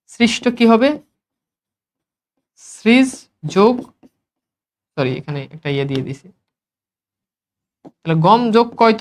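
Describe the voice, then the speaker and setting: A male teacher from Bangladesh giving an exam-prep grammar lesson, asking questions and answering them himself in a repetitive drill. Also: sits high.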